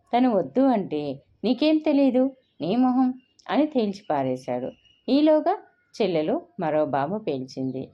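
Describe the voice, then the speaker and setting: A woman storyteller reading a family drama in a measured, expressive way. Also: fairly low pitch. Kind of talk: scripted story narration. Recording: dull lo-fi recording.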